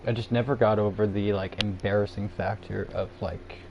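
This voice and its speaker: Answering his chat on a casual livestream, a man with a Canadian accent speaks at a moderate pace in a lowish voice with fairly even intonation. He rambles with lots of fillers and restarts, and there is background noise.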